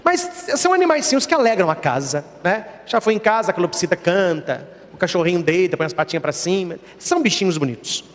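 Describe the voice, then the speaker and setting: A man delivers a sermon in a high voice. He moves between teaching and storytelling, voicing the characters in his anecdotes. The sound rings with the long reverb of a large church hall. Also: fast talker, hardly any pauses. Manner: lively storytelling, acts out characters in stories.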